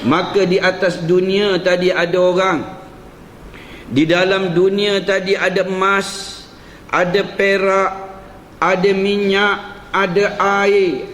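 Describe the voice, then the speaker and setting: A man's voice: high voice, fairly bright tone. A man giving an evening lecture in a mosque, often addressing the congregation and playing with his intonation. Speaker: preacher. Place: mosque prayer hall. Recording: echoey hall with faint hum.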